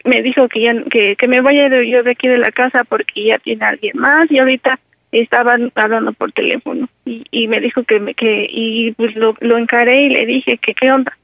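A man's voice: very high-pitched, fairly even intonation, moderate pace, creaky, dry recording. A man putting on the voice of a distraught young woman who pleads with her mother in a tearful, rambling way. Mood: pleading. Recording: tinny phone line.

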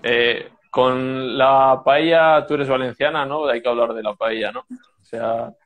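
A man hosting a podcast interview, relaxed, with short replies and follow-up questions. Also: mid-range voice, a little slow, gravelly, narrow, tinny audio. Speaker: podcast host. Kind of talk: casual interview.

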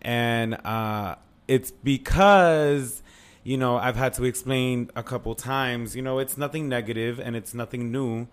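A man's voice: mid-range voice, unhurried, smooth. Guy podcast host just chatting, super candid, slangy, swears a lot. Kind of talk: casual chatty podcast talk.

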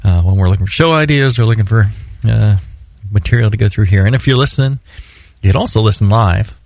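A man co-hosting a homebrewing podcast talks fast in a lowish, slightly mellow voice with vocal fry. His casual chat is loose and rambling, packed with fillers and some teasing. The recording has no room sound.

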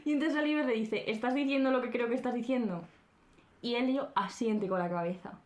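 A woman's voice: a little high, a little fast. Playful young Spanish woman in an echoey room. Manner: playful, chatty, laughs often while retelling scenes. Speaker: podcast co-host. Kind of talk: casual chat.

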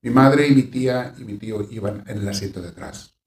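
A man giving a reflective, faith-based counseling talk. He shifts between lively bursts that act out panicked reactions and a gentle, reassuring tone. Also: medium pitch. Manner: animated, acts out panicked reactions in quick bursts; gentle, reassuring when voicing comfort. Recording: roomy sound, voice from a distance.

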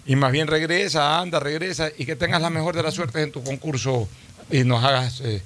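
A man's voice: on the high side, moderate pace, a bit bright. A man hosting a radio talk show, chatting with a guest in an encouraging tone with hesitant restarts. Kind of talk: casual interview chat.

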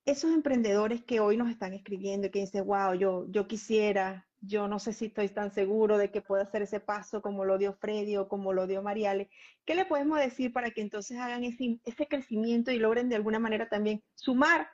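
A woman's voice: mid-range voice, fairly quick, darkish tone, muffled recording. A woman hosting a live interview, asking long, winding questions and repeating words as she searches for them. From Venezuela. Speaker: host.

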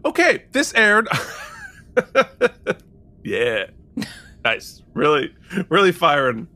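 A man with a high, bright voice co-hosts a relaxed review podcast. His pitch swings widely as he jokes, reads out comments and laughs often. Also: takes it slowly. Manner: animated and jokey, laughing often. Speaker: podcast co-host. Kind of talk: casual chat.

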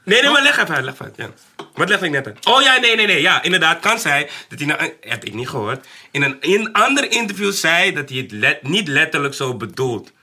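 A man chats on a casual podcast, restarting his sentences and laughing easily. His voice is very bright and sharp, and it sits a little high. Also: sing-song, brisk. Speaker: podcast co-host.

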